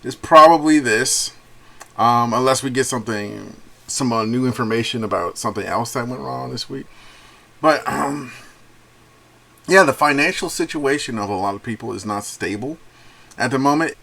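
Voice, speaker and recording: A man's voice: medium pitch, normal speed, gravelly, sharp tone. A young man hosting a casual gaming news channel, reading parts of an article aloud and rambling between lines with laughs and restarts.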